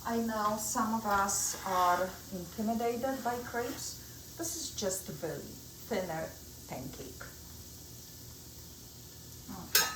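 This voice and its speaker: A woman's voice: medium pitch, slow pace, long pauses, roomy sound, heavy background noise. A middle-aged woman from Poland with a Polish accent, hosting a home cooking show and chatting through each step as she works in her kitchen. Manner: chatty, explains each step while working.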